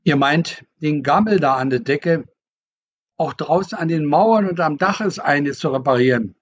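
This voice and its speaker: Man doing old fisherman, booming, teasing, folksy dialect, husky, muffled recording. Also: lively intonation, normal speed. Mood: brooding. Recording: dull lo-fi recording.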